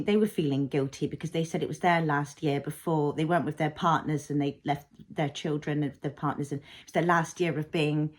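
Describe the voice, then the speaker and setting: A woman's voice: low voice, breathy edge. A woman in her thirties, a mother and vlogger, talking through her thoughts in a rambling, reflective way full of fillers. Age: 30s. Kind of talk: casual personal vlog.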